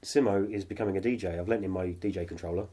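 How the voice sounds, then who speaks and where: A man's voice: sits low, fairly even intonation, very fast, mellow. A man hosting a podcast, joking and steering the chat among friends. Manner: joking, leads the show. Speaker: podcast host. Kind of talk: casual banter.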